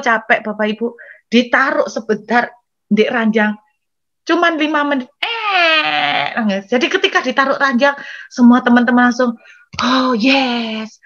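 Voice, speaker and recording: A woman's voice: medium pitch, fairly bright tone. A woman preacher with an East Javanese accent, telling a story in a sermon, often addressing the congregation and acting out scenes with Javanese words mixed in. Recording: dull lo-fi recording.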